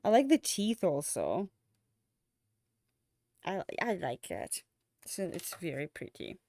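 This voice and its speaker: With a lowish, sing-song, slightly mellow voice on a dry recording, a young female streamer wraps up her stream. She's weary, her voice is fading, and her casual chat rambles with frequent fillers and restarts.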